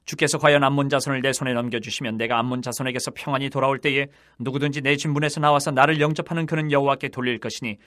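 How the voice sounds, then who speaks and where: A man's voice: medium pitch, steady tone, very fast, few pauses, a bit bright, no echo, studio quality, lightly acted. A man reading the lines of a grieving war-leader father bound by his vow, in solemn, archaic wording and his own plain reading voice.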